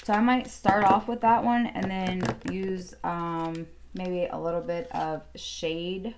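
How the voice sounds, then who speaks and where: A woman's voice: lowish voice, steady tone, slow, very noisy. A woman in her thirties chatting casually through a makeup tutorial at home, rambling and thinking aloud with lots of fillers. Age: 30s. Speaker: beauty vlogger.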